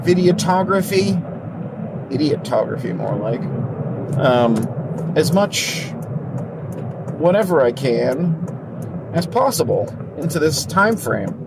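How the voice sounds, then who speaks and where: A young man talks slowly and a little high as he vlogs from behind the wheel at night. He rambles and jokes at his own expense, with a scratchy cough. Loud car and road noise runs under everything he says. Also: big pitch swings. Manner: rambling, self-mocking, joking. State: scratchy cough, coming down with something. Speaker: vlogger. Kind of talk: casual vlog while driving.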